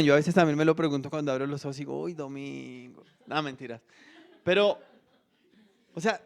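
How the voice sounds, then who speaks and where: A middle-aged man preaching a sermon as pastor, talking conversationally and asking the congregation frequent questions. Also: high voice.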